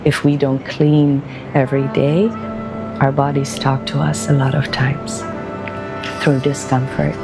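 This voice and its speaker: A woman in her forties from Belgium, a wellbeing practitioner speaking slowly and gently in a reflective documentary voice-over, with pauses between thoughts. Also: rumbling low, little pitch movement. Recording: voice-over with music underneath. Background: music.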